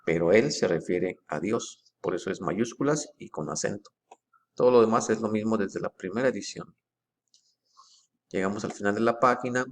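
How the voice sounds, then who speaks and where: A man going page by page through a book, comparing editions and slowly reading out quoted phrases. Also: lowish voice, creaky. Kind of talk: methodical page-by-page explanation.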